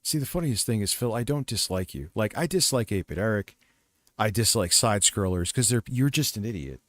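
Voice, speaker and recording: A middle-aged man streams casual commentary while reacting to another stream, rambling, swearing, and reminiscing as he goes. His voice is on the low side, expressive, and fairly quick, recorded at studio quality with no echo.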